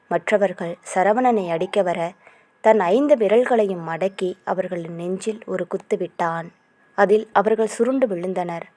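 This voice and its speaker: A woman narrating a romance novel aloud with expressive storytelling. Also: mid-range voice, no echo.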